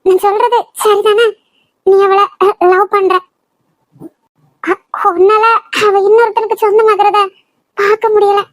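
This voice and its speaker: A squeaky, very high-voiced cartoon mother, voiced by a performer, probing and affectionate. She coaxes the truth out of her son in a dry, close recording. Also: level tone, a little slow, long pauses, no echo. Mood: knowing. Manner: gently scolding, probing, affectionate. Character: caring, perceptive middle-aged mother. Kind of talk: cartoon voice acting.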